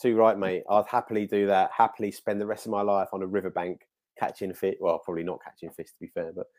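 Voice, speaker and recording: A man's voice: sits low, little pitch movement, fast talker, darkish tone. A British man chatting casually in a blokey, plain-spoken, self-questioning way. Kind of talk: casual chat.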